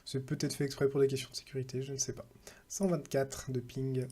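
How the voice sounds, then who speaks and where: A man's voice: mid-range voice, little pitch movement, brisk, mellow, a little hiss or hum. A man talking casually through a screen-recorded tech tutorial, thinking aloud and reading out numbers with hesitant fillers.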